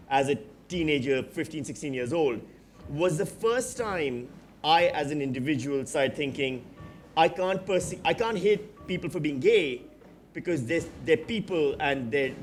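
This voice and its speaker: A man in his forties from Pakistan, speaking as a panelist at a live festival discussion, reflective and frank with dry asides. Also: fairly high pitch. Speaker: panelist, writer and comedian. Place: festival stage before an audience.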